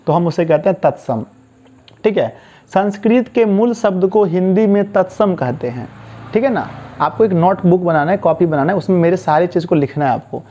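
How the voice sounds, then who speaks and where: A man's voice: sits high, dark tone. A man teaching a Hindi grammar class online, drilling students with call-and-response repetition and answering his own questions. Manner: casual, asks rhetorical questions and answers them. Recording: dull lo-fi recording.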